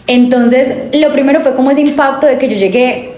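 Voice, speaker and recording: A woman's voice: sits high, normal speed, slight background noise. Young Colombian woman telling her story. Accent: Colombian, coffee region. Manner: animated storytelling with many fillers and self-corrections. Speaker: guest, tourism graduate. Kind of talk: conversational interview. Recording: echoey room with faint ambience.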